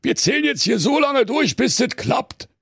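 A man's voice: extremely high pitch, sing-song, normal speed, creaky, fairly bright tone, slightly rough, no room sound, studio quality, pitched above the performer's own voice, exaggerated voice. A man voicing a bumbling male bear who blusters and stammers. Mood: blustering. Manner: sheepish, flustered, blustering. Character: big bumbling male bear posing as Ruprecht.

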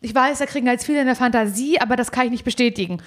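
A woman's voice: fairly high pitch, rapid-fire. A young woman co-hosting a podcast, telling a story in casual chat and acting out the dialogue. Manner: animated storytelling, acts out quoted dialogue. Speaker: podcast co-host.

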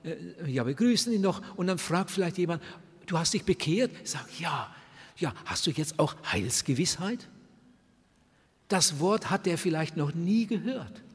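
Older male preacher, earnest sermon, fairly high husky voice, long reverb of a hall. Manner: earnest, addresses new converts directly, voices quoted prayers.

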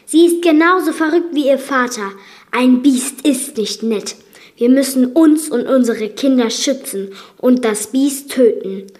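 Woman doing a furious young man, raised pitch, loud, rabble-rousing; storybook reading. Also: measured pace. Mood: enraged. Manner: loud, shouting accusations. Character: angry young male hunter rousing a mob.

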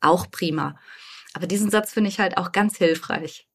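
A middle-aged woman therapist explaining coping exercises in a calm, casual conversation, with lively emphasis. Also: fairly low pitch, moderate pace. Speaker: psychotherapist guest.

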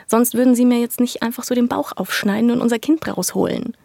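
A woman telling her own story in casual conversation, colloquial and candid, sometimes dropping to a soft breathy half-whisper. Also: fairly high pitch, fairly even intonation, fairly quick, no echo. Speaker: guest sharing a birth story.

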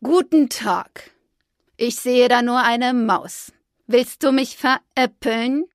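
A woman voicing a grumpy male magpie in a children's story, speaking slowly and grumbling. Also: a little high, no room sound, studio quality. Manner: slow, grumbling, sour.

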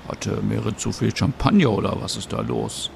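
A man playing a fretful young man in an audio soap, close to his own voice but quieter, mumbling and low-key. A gravelly rasp runs through it. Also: moderate pace, a little hiss or hum. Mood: grumbling.

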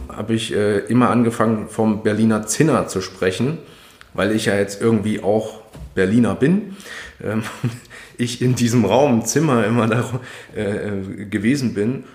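A man co-hosting a podcast, talking casually in an interview, with hesitant pauses and fillers. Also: on the low side, a little mellow. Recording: roomy echo.

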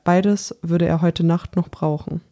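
A narrator reading a thriller novel aloud in a measured, tense audiobook style. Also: mid-range voice, fairly even intonation, mellow. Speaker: audiobook reader.

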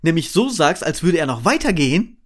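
A man's voice: fairly high pitch, very animated, a little fast. A man co-hosting a casual podcast chat, teasing his friend and laughing often at his own jokes. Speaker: podcast co-host.

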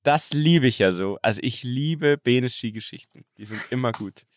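A man's voice: mid-range voice, expressive, normal speed, dry recording, studio quality. A man co-hosting a podcast, reacting to his friend's story with laughs and enthusiasm in casual chat. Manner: laughs along and reacts warmly. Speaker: podcast co-host.

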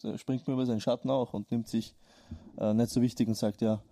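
A man's voice: mid-range voice, level tone, fairly quick, dark tone, dry recording, studio quality. A man co-hosting a casual podcast chat, talking hesitantly with many fillers. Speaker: podcast co-host.

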